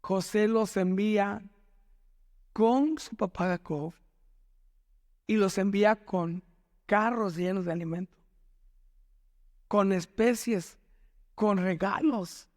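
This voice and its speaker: A male pastor with a strikingly high voice delivers a dramatic sermon, slowly and deliberately acting out the lines of the figures in his story. The sound fills a large church hall and rings with long reverb. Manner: dramatic, acts out the characters' words, slow emphatic delivery. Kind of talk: Father's Day sermon, retelling Bible story.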